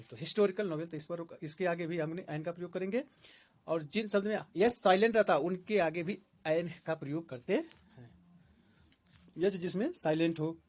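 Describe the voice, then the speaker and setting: Grammar teacher, male, high voice, Hindi-accented English, repeats rules patiently. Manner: repeats rules and examples slowly, explaining each. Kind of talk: exam-prep grammar lesson.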